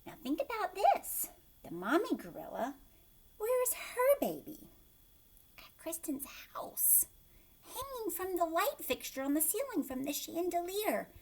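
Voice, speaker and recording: A woman teacher reads a storybook aloud, speaking expressively and directly to her young audience. Her voice is very high-pitched and slightly slow, with noticeable vocal fry.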